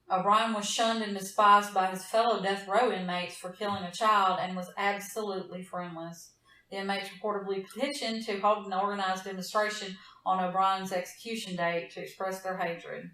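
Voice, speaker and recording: A Southern-accented woman hosts a casual true-crime chat and reads out case notes, rambling and blunt with easy laughter. Her mid-pitched voice sits back from the mic in a roomy, echoing space. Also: pushed and bright, far from the mic. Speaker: podcast host.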